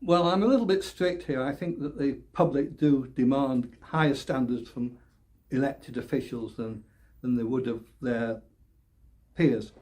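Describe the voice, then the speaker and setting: This election candidate is an older man from the north of England who was born in Leeds and grew up in Oldham. His mid-range voice has a darkish tone as he stumbles through interview answers, repeating himself and laughing softly.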